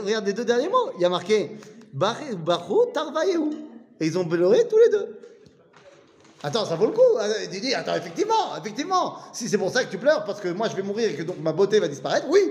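This teacher's voice is high and a little mellow, fairly quick, with huge swings in pitch, heard in a large hall. During a casual study session he reads old texts aloud in Aramaic and then retells them in joking, chatty French.

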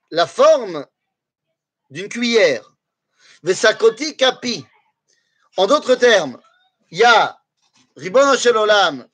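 A man teaching a Torah class to an audience, lively and engaging, asking his listeners questions and mixing Hebrew phrases into his explanation. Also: high voice, no echo.

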